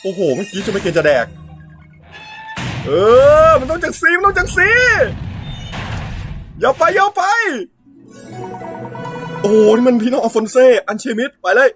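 Thai male streamer, loud and excitable, chants and begs for luck, a bit sore-throated, very lively pitch. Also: quick pace. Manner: loud, excitable, chanting repeated words while pleading for luck. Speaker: game streamer. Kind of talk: excited gacha-pull commentary. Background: game music.

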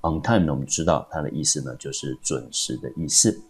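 A man's voice: very deep voice, quick pace, husky. A man, teaching English vocabulary patiently and step by step, with many fillers. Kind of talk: vocabulary lesson.

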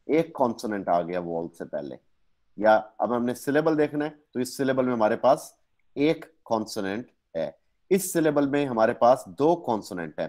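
A man's voice: mid-range voice, darkish tone. A man with a Pakistani accent giving an online lecture, explaining step by step and correcting his own slips. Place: online class.

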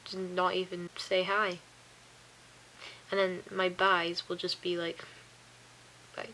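Speaking slowly in a low-ish, monotone, sharp voice, a tired young woman chats through a diary vlog from her bedroom at night, filling it with "like." She's chatty, sleepy, self-mocking, a little wheezy and coughing. Her close-up webcam yields a low-quality recording with a little hiss or hum.

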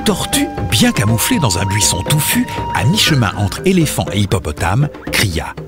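A man narrating a children's fable, expressive and dramatic. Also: lowish voice, moderate pace, over loud music. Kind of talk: scripted storybook narration.

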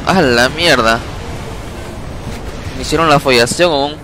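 A man's voice: mid-range voice, a little slow, sharp tone, a little hiss or hum. A man streaming a match, swearing and ranting in exasperation at his teammates. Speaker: game streamer. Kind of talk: live gameplay commentary.

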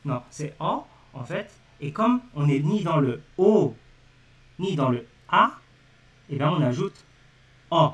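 A man with a slightly high voice and lively intonation speaks slowly, pausing often, while teaching a language in a live-streamed lesson. He explains step by step and repeats key points straight to his viewers, recorded from a distance in an echoey room as he faces away from the mic.

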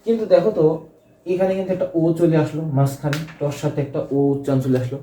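A man's voice: fairly high pitch, fast, dark tone, roomy sound, a little hiss or hum. A man teaching a grammar lesson, explaining step by step and checking that students follow. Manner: explanatory, repeats key points and checks with "ঠিক আছে?".

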